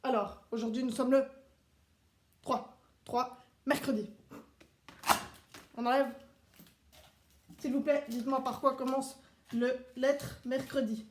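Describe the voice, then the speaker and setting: A man's voice: very high-pitched, steady tone, slow pace, long pauses, a little hiss or hum. A man playing a strict male Swiss soldier who teaches children with clipped, barked commands, recorded in a roomy space. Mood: drilling. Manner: barking commands, clipped and precise. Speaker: stand-in teacher. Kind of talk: playful classroom role-play. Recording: roomy echo.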